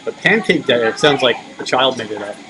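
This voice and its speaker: An American man banters casually, with a joking, irreverent way of talking. His voice is mid-pitched, and there is clear noise throughout the live stream recording. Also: lively intonation, fairly quick. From Long Island, United States. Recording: noisy live webcam stream.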